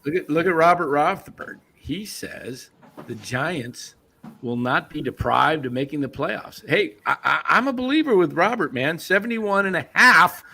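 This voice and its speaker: A man's voice: on the high side, big pitch swings, moderate pace, vocal fry, pushed and bright. A man around sixty, co-hosting a casual chat in an easygoing, agreeable way over a video call. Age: 60s. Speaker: co-host.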